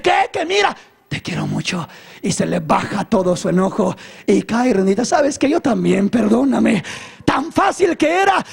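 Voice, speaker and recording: A man preaching an impassioned sermon as pastor, with a raspy voice, repeating phrases and shouting at the peaks. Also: extremely high pitch. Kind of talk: Pentecostal sermon. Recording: archival church sermon recording.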